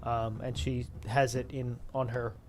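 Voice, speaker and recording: A man running a tabletop game as dungeon master, describing the scene in a halting way, often stopping to restart and correct himself. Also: mid-range voice, little pitch movement.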